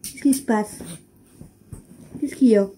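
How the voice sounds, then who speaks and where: This family vlogger's voice is on the high side, warm, and a little slow, with slight background noise. Chatting at home, she lists her shopping out loud as she unboxes it and coos sing-song to her pets.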